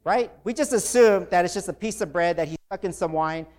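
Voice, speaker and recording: A man's voice: high-pitched, fairly quick, darkish tone. A man preaching a sermon to a congregation, talking casually and growing emotional and intense.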